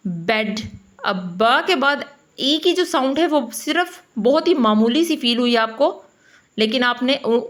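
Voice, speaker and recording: A woman teaching phonics to other teachers, slowly explaining and repeating each letter sound aloud. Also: on the high side.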